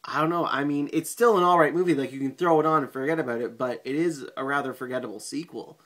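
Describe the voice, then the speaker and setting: A man's voice: medium pitch, fast talker, a bit bright. A man giving a casual video movie review, rambling with frequent swearing, fillers and restarts.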